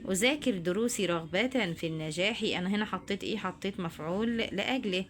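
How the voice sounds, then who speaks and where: A woman's voice: medium pitch, fast. A woman teacher with an Egyptian accent, walking students through homework answers and addressing them directly. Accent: Egyptian Arabic. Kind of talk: homework walkthrough lesson.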